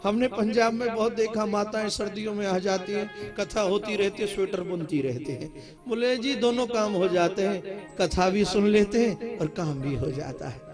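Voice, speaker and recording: A man with a North Indian Hindi accent giving a devotional sermon, emphatic in his storytelling, repeating key phrases and chanting Sanskrit verses slowly. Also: high voice. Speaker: preacher giving a scripture discourse. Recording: loud music in the background.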